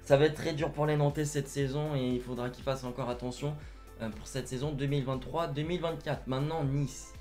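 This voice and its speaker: A young man co-hosting a casual football chat, talking fast and directly to viewers. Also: mid-range voice, steady tone, warm tone, soft background music. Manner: chatty, addresses viewers as "les gars". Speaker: football channel co-host.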